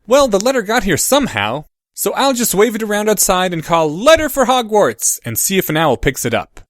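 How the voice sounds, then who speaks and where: A man's voice: sits high, sing-song, brisk, no room sound, studio quality, voice pushed up. A man voicing an earnest, stubborn, clever young boy in an audiobook, with an eager, insistent way of talking. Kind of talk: audiobook character voice.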